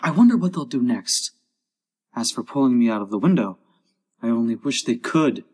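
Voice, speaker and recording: A man's voice: mid-range voice, animated, normal speed, darkish tone, breathy edge. A man voicing a curious young girl who muses and questions herself in a storybook. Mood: puzzled. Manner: wondering, self-questioning.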